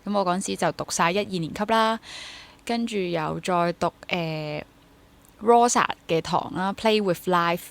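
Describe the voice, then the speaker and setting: Her voice is fairly low and gravelly, and she speaks a little slowly. She's a young Hong Kong woman, a theatre actor and drama teacher, chatting casually as an interview guest and code-switching into English.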